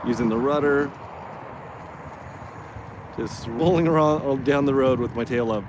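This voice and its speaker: A man's voice: mid-range voice, normal speed. Man chatting casually through windy outdoor noise. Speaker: radio-control plane vlogger. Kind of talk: casual live commentary while flying a model plane. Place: outdoors by a road in wind. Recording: noisy windy outdoor recording with vehicle sound. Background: wind and outdoor motor noise.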